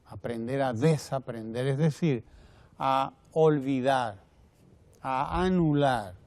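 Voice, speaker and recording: Dominican male TV commentator, measured, repeats phrases, dark tone. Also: medium pitch, dry recording. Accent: Dominican Spanish. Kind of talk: televised opinion commentary. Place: TV studio.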